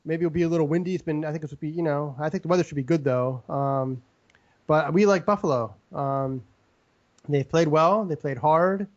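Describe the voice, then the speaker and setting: Slightly high-voiced man, rambling host breaking down picks, muffled lo-fi sound. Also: normal speed. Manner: rambling, many fillers. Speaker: sports picks show host. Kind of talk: casual sports picks analysis.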